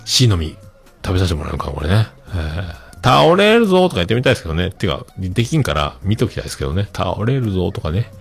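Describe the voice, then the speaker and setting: A man hosting a casual podcast and reading listener mail, relaxed and chatty with many fillers and soft trailing ends, with a Kitakyushu accent. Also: deep voice, fast, vocal fry, breathy edge, faint music behind. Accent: Kitakyushu Japanese. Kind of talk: casual solo podcast talk.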